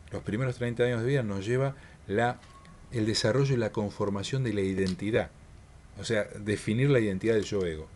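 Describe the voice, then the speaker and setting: A man, giving a spiritual workshop talk and speaking in a measured way, repeating his points and asking rhetorical questions. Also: fairly low pitch, a little mellow.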